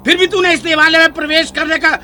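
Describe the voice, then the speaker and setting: A man playing a scornful, high-voiced temple priest. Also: flat delivery, fast talker, pushed and bright, full character voice. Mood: contemptuous. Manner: contemptuous, commanding, tuts in disgust. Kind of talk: street play acting.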